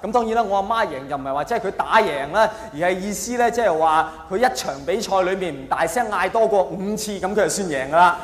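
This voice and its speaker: Animated and fast, barely pausing, a high-voiced male stand-up comic speaks with a Hong Kong Cantonese accent. His colloquial monologue is loaded with exaggeration and rhetorical questions, captured in a reverberant hall with faint background noise.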